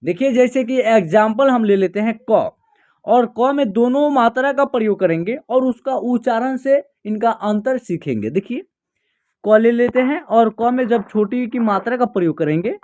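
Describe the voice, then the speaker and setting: A patient teacher in a beginner reading lesson. The teacher says each word, then repeats it, stretching the syllables out slowly so learners can follow. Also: medium pitch, a little mellow. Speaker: Hindi teacher.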